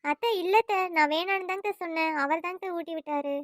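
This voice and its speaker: Cartoon: a woman as a meek young daughter-in-law, soft and pleading, high bright dry read. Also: brisk, no room sound. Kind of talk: cartoon voice acting.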